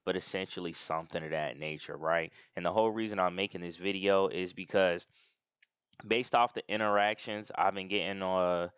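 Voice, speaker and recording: A man with a deep, smooth voice talks loosely over a screen-share, looping back with fillers and restarts. The sound is dry and close, with no room around it. He has the hiccups and keeps pausing to excuse himself. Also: fairly even intonation, fairly bright tone, dry recording. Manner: rambling with many fillers and restarts. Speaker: gaming channel host. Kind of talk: casual screen-share commentary.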